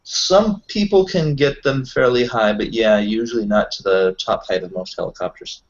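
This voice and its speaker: Here a man speaks at a fairly low pitch and normal speed, recorded with lo-fi sound. Taking part in a tabletop roleplaying session, he chats casually in character with the group, wandering through his explanations.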